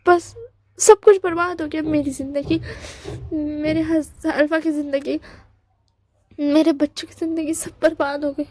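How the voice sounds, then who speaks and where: A woman's voice: high-pitched, little pitch movement, measured pace, a little mellow. A woman voicing a remorseful mother who pleads tearfully for forgiveness in a storytelling. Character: remorseful mother sobbing out apologies.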